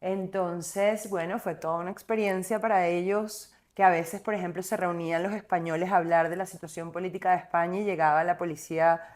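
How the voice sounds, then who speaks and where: A young singer from Caracas, speaking with a Venezuelan accent as an interview guest, talks reflectively in a winding way full of fillers and restarts. Her voice sits on the low side and is a little mellow, steady in tone, fairly quick, with few pauses.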